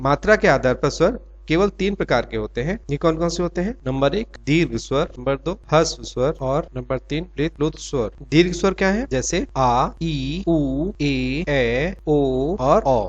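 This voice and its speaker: A man teaching an exam quiz lesson who asks questions and answers them himself, drawing out his example words. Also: a little high. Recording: dull lo-fi recording.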